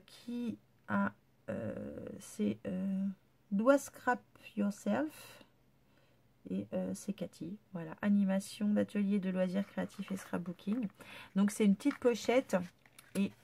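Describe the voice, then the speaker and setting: Woman vlogger with a cold-stuffed nose and a creaky, gravelly tone, chatty and full of praise. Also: mid-range voice, a little mellow. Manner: gushing, chatty, lots of fillers. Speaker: scrapbooking vlogger. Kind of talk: casual unboxing chat.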